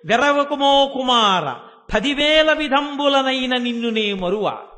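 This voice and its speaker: A male preacher quoting a gentle mother goddess, consoling and reassuring in long, stretched-out phrases. The voice sits very high and has a bright, forceful edge. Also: expressive, full character voice. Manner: soothing, reassuring, drawn-out lines. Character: the Divine Mother, a tender protective goddess.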